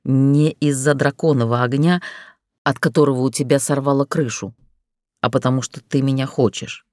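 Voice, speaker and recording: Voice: mid-range voice, fairly even intonation, moderate pace, a little mellow, no room sound, close to an everyday voice. An audiobook reader voicing a cocky, blunt dragon man, speaking in dry, teasing banter. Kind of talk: audiobook character dialogue.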